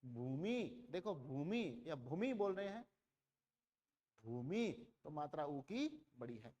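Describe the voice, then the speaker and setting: A man from India teaches a grammar lesson in a high voice. He asks his students questions and answers them himself, repeating words to contrast their sounds. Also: sing-song, takes it slowly, darkish tone.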